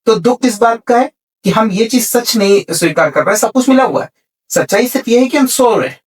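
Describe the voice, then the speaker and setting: A man's voice: extremely high pitch, expressive, brisk, far from the mic. A man on a podcast explaining spiritual ideas in a conversation, repeating key words and mixing in English terms. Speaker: spiritual speaker.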